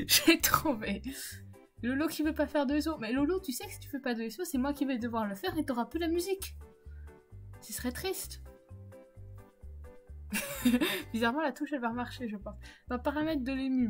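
A woman's voice: high voice, expressive, moderate pace, long pauses, soft background music. A woman streamer chatting casually with her viewers while setting up and playing a game, laughing often. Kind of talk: casual live-stream chat while gaming.

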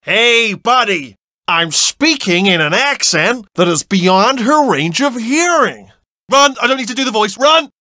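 A man's voice: very high-pitched, expressive, takes it slowly, bright, forceful tone, no echo, studio quality, heavily acted. A man voicing a chatty, nervous male robot sidekick in a video game, with a rambling, stammering way of talking. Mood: sly.

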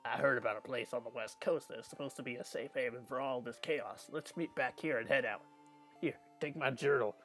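A man voicing a male survivor friend, reading game dialogue quietly and plainly. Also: mid-range voice, fairly quick, faint music behind, close to an everyday voice. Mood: calm.

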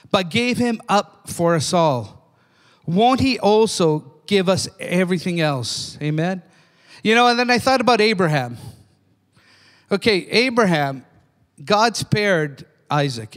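A man's voice: high voice, a bit bright. An older man preaching a sermon in a church, fervent and calling out "amen?" to his listeners. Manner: fervent, repeats "amen?" to the congregation. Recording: long reverb of a church hall.

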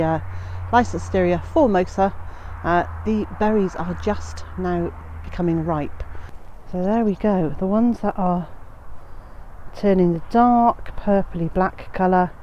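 A homesteading vlogger in her fifties, a little bunged up with a cold, talks casually to the phone she holds at arm's length while walking a frosty garden. Her medium-pitched voice is warm, peppered with "uh," and there's a little hiss or hum.

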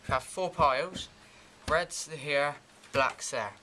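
A young man in his teens giving an informal, halting step-by-step card trick tutorial in amateur magician patter. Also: a little high, sharp tone, slight background noise. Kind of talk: informal step-by-step demonstration and explanation. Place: indoors at a table and whiteboard.

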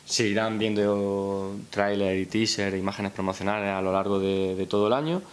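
A young adult film director from Spain, speaking with a Spanish accent, talks unscripted at a press conference, hesitantly repeating words as he goes. His voice is fairly low, clear and resonant, with fairly even intonation at normal speed. The recording comes from an indoor press conference room and is hissy.

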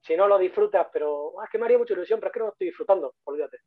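Very fast and high-voiced, a man from Spain with a Spanish accent delivers a casual online talk as a guest 3D modeler. There's no echo, though the video-call sound is tinny like a phone, and he keeps chatting and repeating key points for emphasis.

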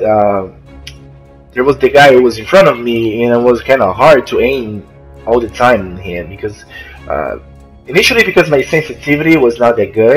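His voice is mid-range and slightly rough: a young man from Brazil, non-native in English, with a Brazilian Portuguese accent, commenting on a game in fits and starts, hunting for words and restarting repeatedly. An allergy keeps making him cough. Traveling, he records at a friend's house on a makeshift mic that isn't his usual gear, producing a noisy, poor-quality home recording.

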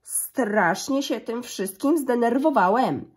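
A woman voicing a grumpy father bear, grumbling loudly and slowly, with a husky tone. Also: a little high, expressive, voice pushed up, heavily acted. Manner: grumbling, loud and slow.

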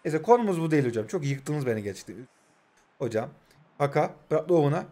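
A man's voice: on the high side, animated, a little fast, warm tone. A man in his twenties from Turkey, commentating his own mobile football game with joking asides to viewers. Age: 20s. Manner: joking, teasing, talks to himself and viewers. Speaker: gaming YouTuber. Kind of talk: live gameplay commentary.

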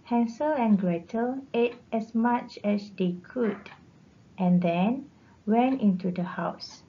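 Woman teacher, Malaysian English accent, storybook reading, very slow and measured, dull lo-fi sound. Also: a little high, a little hiss or hum.

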